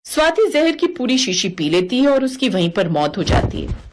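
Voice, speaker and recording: A woman's voice: fairly high pitch, very animated, normal speed, background noise. A woman narrating a family cartoon story in a plain storytelling manner.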